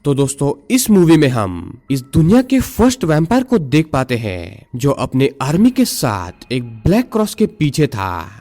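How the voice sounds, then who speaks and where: A man narrates a film's plot with a slightly high voice that rises and falls a lot. His delivery is animated storytelling, peppered with English words. He sounds like a channel host walking viewers through a movie. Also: normal speed, few pauses. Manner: lively storytelling, mixing English words into Hindi.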